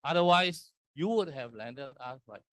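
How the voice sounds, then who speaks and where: A man from Singapore giving a conference presentation, walking through slides in slow, deliberate short phrases. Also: medium pitch, lively intonation, fairly bright tone, no echo. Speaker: conference speaker. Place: conference hall.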